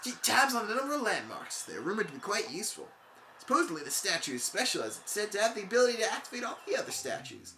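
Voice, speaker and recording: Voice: medium pitch, very animated, fast, sharp tone, reverberant, a little hiss or hum, voice pushed up. Gorko, a player putting on a surfer-drawl rock creature. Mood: laid-back. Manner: laid-back surfer drawl with a hillbilly twang; calls the listener "bud". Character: excitable male rock creature who talks like a surfer.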